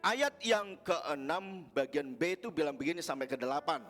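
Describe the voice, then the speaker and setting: A man, a pastor preaching a sermon, telling stories and swinging between loud and hushed. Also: a little high, expressive, normal speed, soft background music. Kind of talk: sermon with storytelling.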